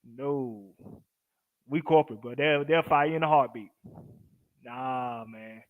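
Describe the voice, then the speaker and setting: A man's voice: mid-range voice, slow pace, phone-quality sound. A man co-hosting a casual sports stream, easygoing and hesitant with fillers. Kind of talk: casual live-stream chat.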